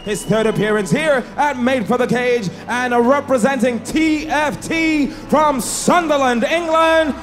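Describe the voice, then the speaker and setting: Booming and theatrical, a ring announcer in his thirties stretches out each fighter's name from inside the cage of a big indoor arena. He speaks into a handheld microphone over the arena PA. The sound echoes, with the crowd and music in the background.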